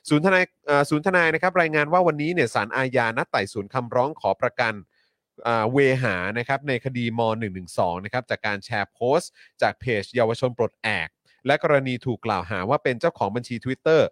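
A man's voice: mid-range voice, expressive, fairly quick, a bit bright, no echo, clean studio sound. A man hosting a news talk show, reading updates politely and adding many courtesy particles.

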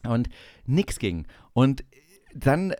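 A young man, chatting casually and telling a story with lively energy, jumping into other people's voices as he goes. His voice sits at a middle pitch and sounds dry and close, with no room around it. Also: extremely slow, no echo. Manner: animated storyteller acting out quoted dialogue. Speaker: podcast co-host. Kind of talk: casual chat.

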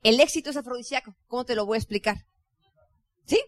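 Mexican woman, high voice, motivational business talk, chatty, dry close sound. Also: fast, no room sound. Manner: chatty, lively, addresses the audience directly. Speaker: network marketing leader.

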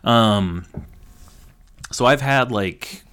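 A man's voice: mid-range voice, extremely slow, a bit bright, clean tone. A man co-hosting a casual podcast, talking hesitantly with lots of fillers and restarts. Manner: hesitant, filler-heavy, self-deprecating. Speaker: podcast co-host. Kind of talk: casual chat.

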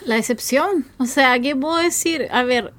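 A woman with a fairly high voice co-hosts a casual podcast. She offers opinions conversationally, in informal everyday phrasing. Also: normal speed, a bit bright. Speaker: podcast co-host. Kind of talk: casual chat, giving opinions.

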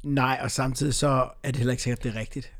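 A man's voice: medium pitch, little pitch movement, no echo, clean studio sound. A man co-hosting a casual chat, joking along with friends. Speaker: podcast co-host.

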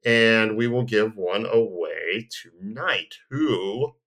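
Laid-back guy with a lowish voice running a podcast, chatty and a bit rambly. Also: slow, fairly bright tone. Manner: easygoing, rambling with fillers. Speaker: podcast host. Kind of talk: casual chat and live ad read.

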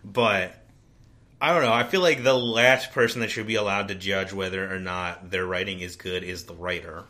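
A man with a bright, forceful, fairly low voice talks through a book in loose podcast chat. He circles his points, restarting sentences and leaning on filler words. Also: steady tone, normal speed. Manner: rambling, many fillers and restarts. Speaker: podcast co-host. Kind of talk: casual book discussion.

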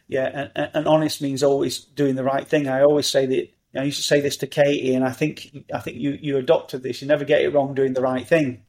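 A middle-aged man, talking as a podcast guest in an animated, upbeat way. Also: mid-range voice, fairly quick, few pauses. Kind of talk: conversational interview.

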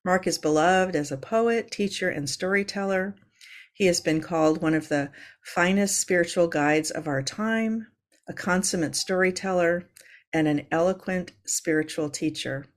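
A woman speaking as a host, introducing an interview in a measured, articulate delivery. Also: lowish voice. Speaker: podcast host.

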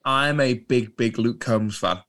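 Podcast co-host: younger man, medium pitch, very dry recording, conversational, hammers points by repeating them. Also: unhurried, fairly bright tone, dry recording. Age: younger adult. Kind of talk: casual chat.

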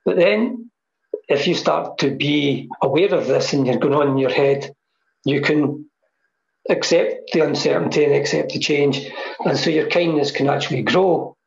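Guy on a video call, kinda gravelly, reflective and repeats himself for emphasis, dull muffled audio. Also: a little high, normal speed, echoey room. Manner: thoughtful, repeats phrases for emphasis. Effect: heard over a video call. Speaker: guest. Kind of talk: reflective interview talk on mindfulness. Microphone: computer mic on a video call.

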